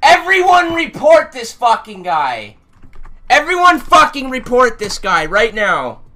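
A man's voice: extremely high pitch, wildly swooping pitch, unhurried. A young man streaming games, raging and swearing angrily at the game. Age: young adult. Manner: raging gamer, shouting and swearing in anger. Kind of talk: live gaming stream commentary. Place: small room at home, indoors.

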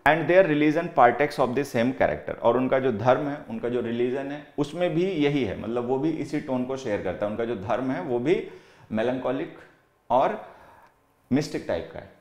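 A man teaching English vocabulary in Hindi, with an Indian English accent. He explains slowly and repeats words. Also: medium pitch, lively intonation, darkish tone. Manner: explains slowly, reads example sentences aloud word by word, repeats words; keeps saying "theek hai" while writing on the board. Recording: echoey room.

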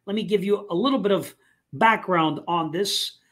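A man hosting a live online talk show, speaking casually with many fillers and pauses. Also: high voice, sharp tone. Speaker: host.

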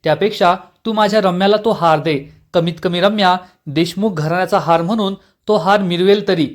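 Man reading scolding aunt, harsh, insulting, high-pitched. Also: a little fast, lightly acted. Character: scolding middle-aged aunt of the family.

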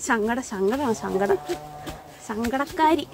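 High-voiced mother vlogging outdoors. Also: lively intonation, measured pace. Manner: coaxing baby talk mixed with chatty narration. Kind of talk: casual vlog narration. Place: outdoors in a cardamom plantation. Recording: noisy outdoor ambience.

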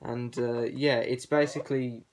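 Man, muffled through a cloth balaclava, casual show-and-tell, rambling, filler-heavy, mid-pitched voice. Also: flat delivery, a little slow, darkish tone. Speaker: collector showing his gas masks.

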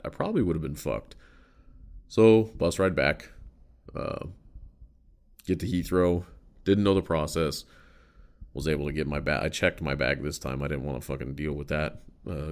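Deep, creaky-voiced man, podcast host, loose profane rambling. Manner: rambling, profane, with frequent fillers. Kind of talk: casual solo chat.

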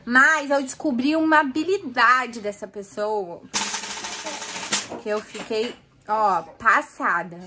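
A woman's voice: fairly high pitch, slow, background noise. A woman with a Brazilian accent hosting a casual home vlog from a toy corner indoors, playfully coaxing a toddler and talking to her viewers. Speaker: family vlogger host.

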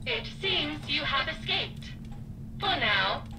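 A woman's voice: high voice, very animated, slow, background noise, heavily acted. A woman voicing a menacing female police robot hunting a fugitive, giving cold, formal commands in a robotic voice as if through a megaphone. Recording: echoey, distant game audio over loud music. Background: loud game music.

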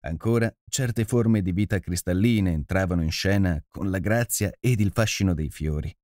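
A man narrating a literary adventure audiobook in a measured, steady storytelling manner. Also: sits low, no echo, studio quality.

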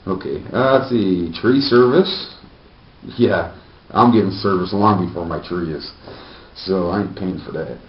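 This man in his thirties has a low voice and an unhurried delivery as he reads from a newspaper, wisecracking sardonically for his homemade comic news show. Picked up by a far-off camera mic in a small, bare room, the sound is echoey and muffled, with slight background noise.

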